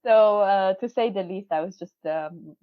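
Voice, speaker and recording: A PhD student being interviewed, this woman in her twenties has a medium-pitched voice and keeps a measured pace. English isn't her native language, and the conversation is casual and chatty, with frequent laughs, fillers, and restarts. Her video call audio is dull and dry, without echo.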